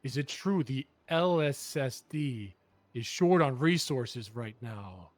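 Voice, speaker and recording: A man in an improvised courtroom role-play, putting deliberate, formal, pointed questions. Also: mid-range voice, expressive, no echo.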